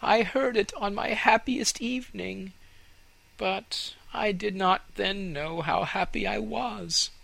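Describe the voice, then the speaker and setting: A man voicing a proud young male fir tree in a storybook reading, high and dreamy. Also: slow pace, creaky, fairly bright tone, full character voice, rough recording. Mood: wistful.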